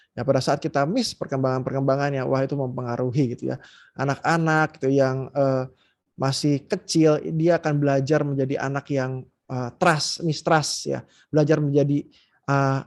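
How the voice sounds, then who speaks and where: A man who is a psychologist, giving an online seminar lecture, animated and acting out scolding parents' voices, with many fillers. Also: on the high side. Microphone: video call.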